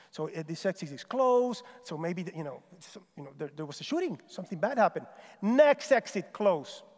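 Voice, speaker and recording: A middle-aged man from Puerto Rico with a Puerto Rican accent, giving an animated chapel talk with stories and self-deprecating humor. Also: high voice. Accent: Puerto Rican Spanish. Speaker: chapel speaker. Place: large stage in an auditorium. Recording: long hall reverb.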